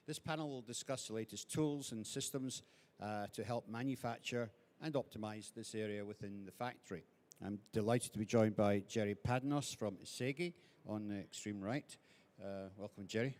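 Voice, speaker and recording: A man's voice: on the low side, moderate pace, a little mellow. A man moderating an industry panel discussion, introducing guests and posing questions with frequent fillers and self-corrections.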